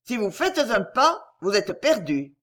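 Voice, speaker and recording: A woman's voice: mid-range voice, very animated, takes it slowly. A woman voicing a proud, volatile aristocratic lady in an audiobook, speaking vehemently and passionately.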